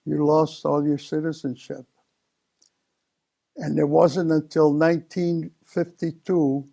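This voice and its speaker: A man in his seventies, from Italy, telling his life story slowly in an oral history interview, with many pauses and fillers. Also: fairly high pitch, creaky, dark tone. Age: 70s. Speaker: interview guest.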